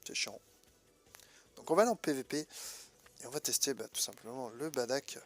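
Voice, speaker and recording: A man hosting a gaming video sounds congested and nasal from a head cold, yet he's animated, his medium-pitched voice fairly bright at a moderate pace. He offers casual, colloquial commentary, hesitating while thinking aloud, with faint music in the background.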